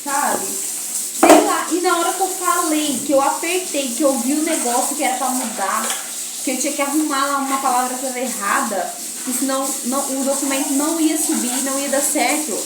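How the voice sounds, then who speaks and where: A young Brazilian woman chatting casually to viewers while she washes dishes, rambling in a lively storytelling way. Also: sits high, normal speed, noisy background. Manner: chatty and rambling, addresses viewers as "gente" and "menina". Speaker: vlogger. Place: home kitchen while washing dishes. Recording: echoey kitchen, clattering dishes and sizzling. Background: dishes clinking and frying.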